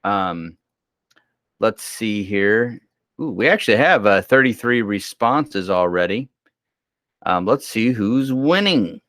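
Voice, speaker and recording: A man's voice: lowish voice, animated, slow pace, a bit bright, dry recording, clean studio sound. A man hosting casual school homeroom news, chatty and joking, sleepy and yawning as he reads announcements.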